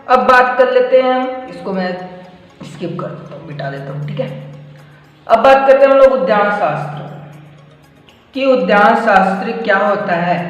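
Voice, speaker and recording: A man teaches a live online exam-prep class with an easy explanatory flow, pausing often to check in with his students and throw them rhetorical questions. His voice rings in a strongly echoing room with a long reverb tail. Faint music plays underneath. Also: sits high. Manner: explanatory, repeats "theek hai" and asks rhetorical questions.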